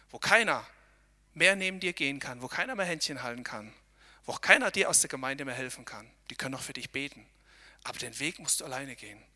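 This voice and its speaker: Earnest male preacher, talks straight to the listener, sharp and tense tone, a long ringing echo. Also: a little high. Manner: earnest, addresses listeners directly with tag questions. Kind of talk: devotional talk while hiking. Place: outdoors on a mountain trail.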